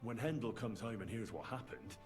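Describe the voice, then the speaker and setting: A man's voice: lowish voice, expressive, brisk, a little mellow, soft background music, close to an everyday voice. Actor as a confident, scheming male investigator. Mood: assured. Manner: assured, persuasive. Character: confident, reassuring investigator laying out a trap. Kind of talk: conversational video game dialogue.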